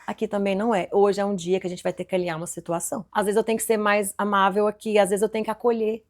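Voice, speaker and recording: Woman, Brazilian accent, very quick delivery, mid-pitched, animated and full of restarts, business owner as a guest. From Goiás, Brazil. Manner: rapid, animated storytelling with many restarts. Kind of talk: casual interview chat.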